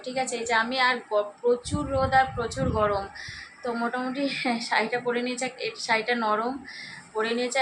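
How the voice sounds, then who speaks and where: A hoarse woman with a cold, chatting casually to her viewers in a daily home vlog, telling them about her day. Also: fairly high pitch, noisy background. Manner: chatty, addresses viewers as friends. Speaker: vlogger.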